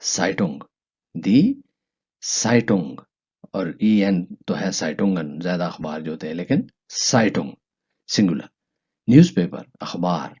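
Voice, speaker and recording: A man teaching German vocabulary in a lesson, stretching each German word out slowly and jumping up in pitch on it. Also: animated, darkish tone, husky. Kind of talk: language lesson explaining vocabulary. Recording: dull lo-fi recording.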